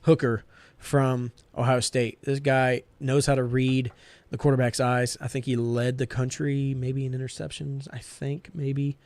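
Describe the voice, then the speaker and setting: A man co-hosting a sports podcast talks through his picks with easy confidence, upbeat and sure of himself. His voice sits at an ordinary middle pitch. The recording is dry and close, with no room echo. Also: little pitch movement, unhurried, darkish tone. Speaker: podcast co-host. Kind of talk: casual sports podcast chat.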